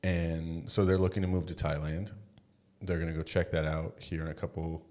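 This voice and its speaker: A man with a very deep voice chats casually as a podcast co-host. He talks in a laid-back, blunt way and swears offhandedly. His delivery is relaxed and conversational. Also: moderate pace. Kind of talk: casual chat.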